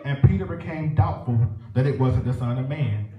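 In a church sanctuary, a young man with a Southern US accent delivers a sermon and prayer in rhythmic call-and-response, medium-pitched and moderately paced. Recorded on a pulpit stand mic and a far camera, the dull audio sounds distant and echoey, with organ music in the background.

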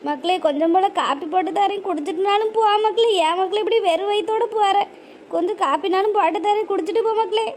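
A woman voicing a doting, tearful old village mother, speaking softly and plaintively. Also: very high voice, quick pace, slight background noise. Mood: pleading. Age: older. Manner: pleading, soft and plaintive. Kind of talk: cartoon voice acting.

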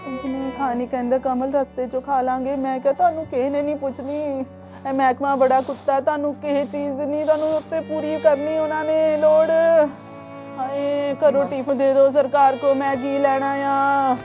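A young Punjabi woman, crying and distraught, lamenting loudly and dramatically as she speaks in an emotional news interview. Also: high-pitched, little pitch movement, normal speed, lo-fi sound. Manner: dramatic, loud lamenting with repeated wails. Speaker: grieving wife of a police officer interviewed. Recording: news clip with music laid over. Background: music.

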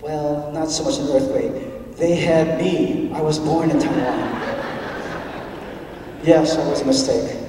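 A man's voice: fairly high pitch, takes it slowly, pauses often, noisy background. A man giving a children's story in church, asking the kids questions as he talks. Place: large church sanctuary. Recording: echoey church hall from far off.

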